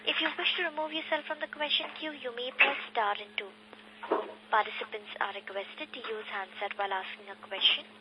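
A woman's voice: fairly high pitch, fairly even intonation, a little fast. Formal woman operator, noisy phone line. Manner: formal, polite. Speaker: conference call operator. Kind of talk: scripted call moderation. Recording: noisy telephone line with clicks.

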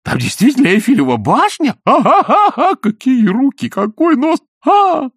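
A man voicing a giddy, fawning man who gushes compliments in a very high, loud, exclamatory voice. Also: huge pitch swings, normal speed, husky, no echo, studio quality, exaggerated voice. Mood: gushing. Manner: shrill, exclamatory, breathless gushing.

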